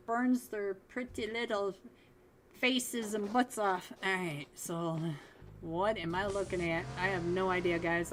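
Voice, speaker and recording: A woman commentating a live mobile esports match on her own stream, in an easy chatty voice of middle pitch. She talks to her viewers, lifts sharply at big plays, and sounds a little worn as her voice goes. A faint hiss sits under the recording. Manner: chatty, upbeat, bursts of excitement at plays. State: losing her voice. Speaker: esports caster. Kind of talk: solo live game commentary.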